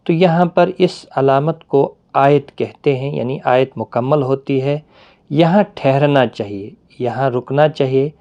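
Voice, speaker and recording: A man teaching a Quran reading lesson, explaining patiently with pauses and drawn-out fillers. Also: mid-range voice, warm tone, lo-fi sound.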